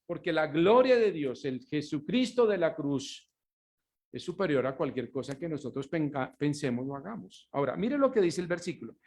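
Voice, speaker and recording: Man, pastor, sermon, fairly high voice, emphatic, prompts the congregation with questions. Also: very animated, darkish tone. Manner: asks the congregation rhetorical questions and pauses for them to answer; emphatic preaching with slowed, stressed words.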